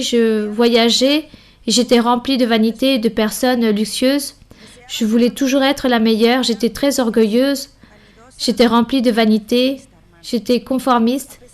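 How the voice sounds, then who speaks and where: Higher-voiced woman interpreting a Bible study.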